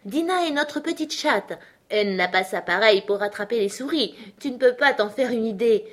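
A woman's voice: a little high, lively intonation, a little fast, pitched above the performer's own voice. A woman reading the part of an earnest, eager-to-please young girl in a storybook.

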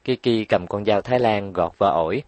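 A man's voice: on the low side, moderate pace, darkish tone, dry recording. Man narrating a children's story.

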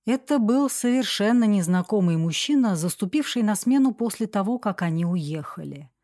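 A woman reading an audiobook as narrator in a steady, even storytelling manner. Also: mid-range voice, normal speed, no room sound, studio quality. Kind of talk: scripted narration.

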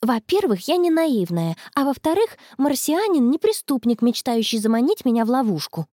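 A woman voicing a cheerful, secretive young schoolgirl in a lively, playful manner. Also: high voice, normal speed, no room sound, studio quality. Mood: indignant.

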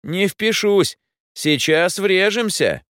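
A man's voice: very animated, normal speed, no echo, clean studio sound. A man voicing a talking robot scooter, melodramatic and whiny. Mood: excited. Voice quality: shrill, melodramatic wailing.

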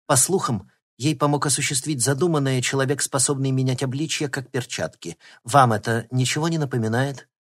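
A man's voice: mid-range voice, steady tone, brisk, hardly any pauses, natural voice. A man playing a polite, guarded company president who turns worried, in an audiobook.

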